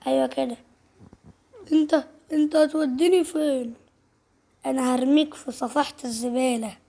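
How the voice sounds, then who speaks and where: Egyptian woman host, high and gravelly, playful game-movie role-play with lots of repetition. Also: normal speed. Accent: Egyptian Arabic. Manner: lively, repeats phrases over and over. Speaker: channel host voicing game characters.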